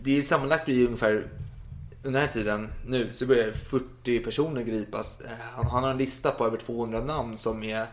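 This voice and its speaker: A man casually retelling a historical story in a podcast chat, with lively retold quotes. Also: medium pitch. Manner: animated retelling with acted quotes and laughs.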